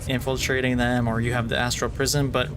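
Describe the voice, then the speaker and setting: A man's voice: medium pitch, level tone, fast, noisy background. A man hosting a gaming video with casual commentary and wry, joking asides. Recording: game music behind.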